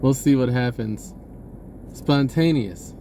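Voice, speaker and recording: Speaking slowly in a warm, medium-pitched voice, a man who makes online videos offers a loose, off-the-cuff message. He sounds informal and unsure, reworking his phrasing as he talks, over slight background noise.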